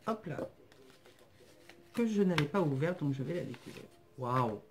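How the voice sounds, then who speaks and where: Lady vlogger chatting about craft stuff she got, slow and low, lots of euh, super thankful. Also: expressive, noisy background. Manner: chatty, thankful, many hesitations. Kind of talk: casual chat unboxing craft mail.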